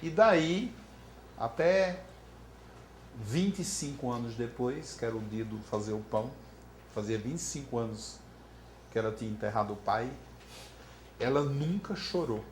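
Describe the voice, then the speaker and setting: A Brazilian man gives a storytelling lecture on floral remedies, animatedly acting out the voices of the people in his tale. His voice is medium-pitched, his pace measured, and he pauses often. The room is echoey, with faint background noise.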